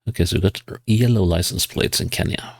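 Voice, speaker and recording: A man giving casual gameplay commentary, musing to himself and reading signs and place names aloud in a husky voice. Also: low-pitched, fairly quick, no room sound. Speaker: GeoGuessr player.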